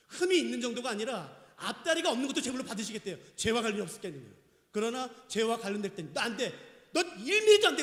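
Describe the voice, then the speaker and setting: A middle-aged male pastor preaching a sermon, emphatic and questioning the congregation. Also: extremely high pitch. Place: church sanctuary. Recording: echoey church hall.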